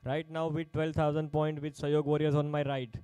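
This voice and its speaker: A man's voice: fairly high pitch, little pitch movement, normal speed, warm tone, clean tone, dry recording, low-quality recording. A man working as an auctioneer at a live sports player auction, calling out bids in short, repeated phrases.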